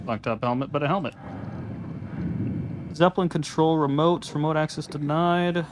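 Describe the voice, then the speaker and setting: A man's voice: fairly high pitch, moderate pace, noisy background. A man streaming a video game with casual, sweary commentary, chatting to the characters as he plays.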